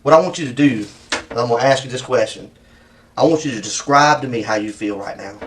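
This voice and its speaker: Southern cop guy doing an interrogation, talks fast, kinda folksy, keeps pushing, mic is far off. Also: mid-range voice, fairly bright tone, slight background noise. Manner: persistent, probing, folksy, repeats answers back as questions. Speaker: police interrogator. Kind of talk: conversational police interrogation.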